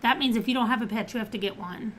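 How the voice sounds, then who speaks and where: A woman hosting a casual live game stream, talking through her choices as she goes. Her voice sits a little on the high side. She drifts between reading options aloud and chatting with her viewers, with a faint hum of noise behind her. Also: quick pace, a bit bright.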